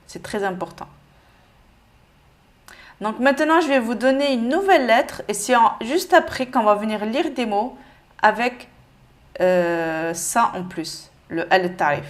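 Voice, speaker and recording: Une femme qui donne un cours de lecture avec patience, en répétant lentement chaque mot. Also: female voice, a little high, expressive. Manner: patient, repeats each word slowly. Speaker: Arabic reading teacher. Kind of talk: step-by-step lesson.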